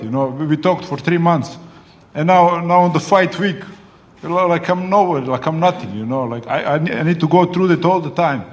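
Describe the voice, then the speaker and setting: A combative man talks as a boxer at a tense press conference. His voice sits fairly high for a man and carries a long echo from the hall around him. He swears freely and keeps calling his rival "brother". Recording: echoey hall.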